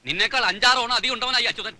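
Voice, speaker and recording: An actor playing the proud, defensive head of an old family who answers curtly and bitterly, in a film with faint music. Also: male voice, very high voice, rapid-fire, pushed and bright, exaggerated voice. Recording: film soundtrack with faint score.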